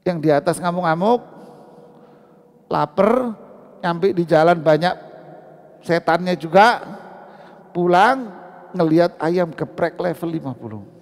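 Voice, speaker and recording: A man giving a lively, joking sermon at a mosque study session, teasing the congregation questions. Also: a little high, slow pace, long pauses. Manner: animated, teasing, asks the audience questions. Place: mosque hall. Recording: reverberant mosque hall.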